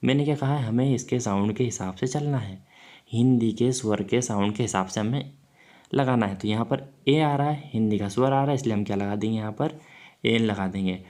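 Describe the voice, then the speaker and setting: A man's voice: lowish voice, a little fast, darkish tone. A man teaching an online grammar lesson, explaining step by step and often checking whether the viewer has understood. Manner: repeats rhetorical checks to the viewer.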